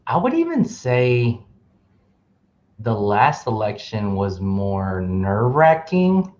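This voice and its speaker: A man's voice: fairly low pitch, wildly swooping pitch, slow, darkish tone, highs cut off. A man co-hosting a casual talk, laughing often and peppering his speech with "like". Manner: laughs often, uses filler "like". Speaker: podcast co-host.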